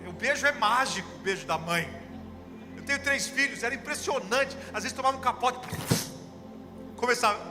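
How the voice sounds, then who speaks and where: A man's voice: very high voice, normal speed, long reverb tail, over music. A middle-aged Brazilian man preaching a sermon in church, telling stories with acted quotes and building to fervent calls. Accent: Brazilian Portuguese. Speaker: pastor. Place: church hall.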